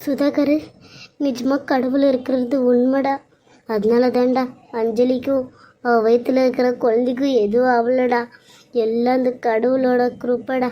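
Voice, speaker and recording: A woman's voice: high voice, little pitch movement, measured pace, dull audio. A woman voicing a harsh, scolding middle-aged mother-in-law in a cartoon serial, with a stern, bossy manner. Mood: relieved. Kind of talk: Tamil cartoon serial voice acting.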